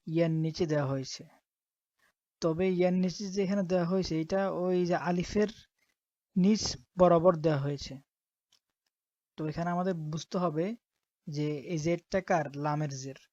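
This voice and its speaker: A woman's voice: lowish voice, mellow, no echo. Woman, reading teacher, patient, drills syllables one by one, dull dry recording. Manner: patient, spells out each syllable slowly and repeats it. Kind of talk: step-by-step reading lesson.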